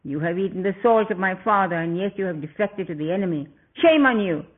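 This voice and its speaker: A man's voice: high voice, normal speed. A man voicing a furious, arrogant young demon prince who snarls his accusations, heard through tinny, phone-like audio.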